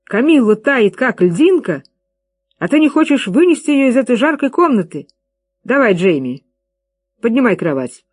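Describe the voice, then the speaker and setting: A reader voicing a gruff, commanding middle-aged father who gives orders. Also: mid-range voice, big pitch swings, normal speed, no room sound, voice pushed up. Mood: bossy. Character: stubborn excitable father, middle-aged man.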